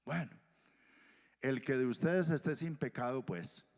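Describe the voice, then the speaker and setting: A male pastor from Colombia preaching a sermon, swinging from loud emphasis to hushed whispers. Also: mid-range voice, measured pace. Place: church hall. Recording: church hall reverb.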